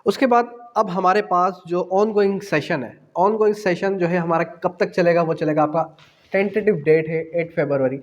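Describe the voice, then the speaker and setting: Speaking unhurriedly in a high-pitched voice, a male law exam tutor with a Pakistani accent explains material to exam students by asking questions and then answering them, slipping in English phrases. A long hall-like reverb surrounds the recording.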